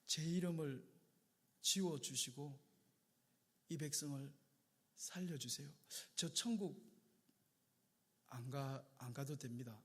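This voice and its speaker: A desperate prophet begging for mercy, his voice high and bright, pleading in earnest, as a preacher puts him on. The sound carries long hall reverb. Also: a little fast. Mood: hushed. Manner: begging, then hushed and earnest.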